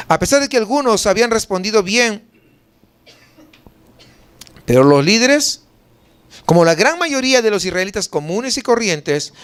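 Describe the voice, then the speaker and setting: A man's voice: high voice, a bit bright, smooth. A male pastor with a Mexican Spanish accent preaching a sermon, asking rhetorical questions and answering them himself.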